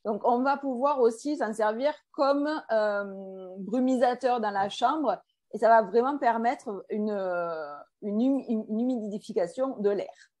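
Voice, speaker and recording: A woman's voice: fairly high pitch, unhurried, darkish tone. A woman hosting a casual live demo of a children's diffuser kit, chatty and loose, with fillers. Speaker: host presenting a kids' oil kit.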